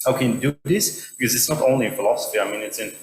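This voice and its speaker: A man from Sweden in the audience asking a question at an academic lecture, talking haltingly with many restarts. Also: medium pitch. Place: lecture hall. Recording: echoey hall with faint hum.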